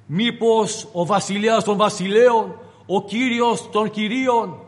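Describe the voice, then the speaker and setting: High-voiced man preaching in a reverberant hall. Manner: dramatic, acts out voices of biblical figures. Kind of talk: sermon.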